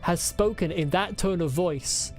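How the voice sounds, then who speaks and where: A woman's voice: fairly low pitch, unhurried, soft background music. A woman giving casual video game playthrough commentary in a blunt, incredulous manner, often repeating phrases for emphasis.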